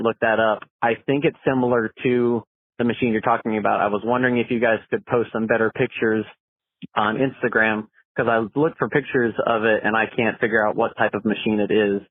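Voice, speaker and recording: A man's voice: fairly low pitch, no room sound. A man from South Florida leaving a rambling voicemail for a podcast, with many ums. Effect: leaving a voicemail over the phone. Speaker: caller. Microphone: phone. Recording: tinny phone line voicemail.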